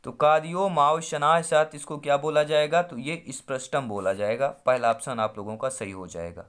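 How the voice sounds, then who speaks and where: A man's voice: a little high, normal speed, a bit bright, clean tone. A man teaching an online exam-prep lesson, working through quiz questions and stretching out syllables as he explains each answer. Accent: Hindi-speaking India. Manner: quizzing, drawing out syllables as he works through answers.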